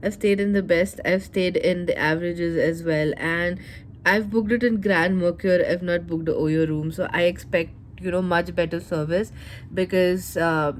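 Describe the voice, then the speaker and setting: A woman's voice: lowish voice, steady tone, normal speed, slight background noise. Woman vlogger with a South Indian accent. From Mysore, South India. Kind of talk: casual chatty hotel-room vlog, code-switching. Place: hotel room.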